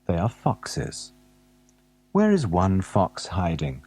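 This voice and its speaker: A man narrating a children's alphabet storybook, gently asking the young listener questions as he goes. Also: low-pitched, huge pitch swings, slow pace, husky, dry recording.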